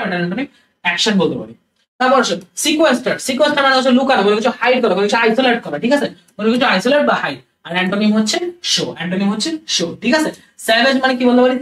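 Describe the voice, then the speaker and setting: A man's voice: high-pitched, fairly bright tone. A man teaching a vocabulary class. He repeats each word, mixes in English and keeps checking whether the students follow. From Bangladesh. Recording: echoey room, voice from a distance.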